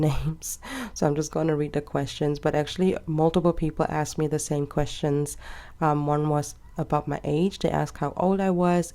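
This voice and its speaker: Here a woman in her twenties, a planner vlogger, rambles chattily while she plans and decorates, with gentle laughter. Her low-sitting voice carries vocal fry.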